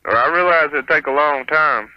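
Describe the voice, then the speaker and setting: A man in his 20s calls in to a radio show and chats casually, sounding hesitant and sheepish. His voice is a little high and his pace normal, with a dry sound. The telephone line makes it a dull, lo-fi call on air.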